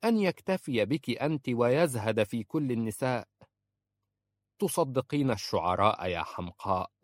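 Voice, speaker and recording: A man voicing a sharp-tongued older woman who scolds and protects a young woman, with a sarcastic, blunt manner. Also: fairly low pitch, expressive, moderate pace, no room sound. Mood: scolding. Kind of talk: audiobook character voice.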